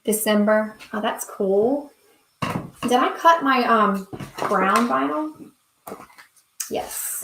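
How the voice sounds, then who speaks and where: Here the young South Carolina crafting host speaks very slowly with long pauses in a slightly high, gravelly voice, amid background noise and roomy echo. With her Southern US accent, she chats casually on her live stream as she crafts, gushing, thanking viewers, and reading their comments aloud.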